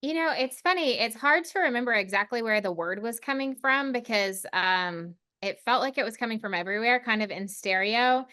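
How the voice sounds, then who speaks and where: Confident articulate woman, smooth voice. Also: a little high, a little fast, hardly any pauses, bright, forceful tone. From Oklahoma. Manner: confident and articulate, self-deprecating. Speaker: podcast guest, CEO of a consulting firm. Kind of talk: casual interview chat.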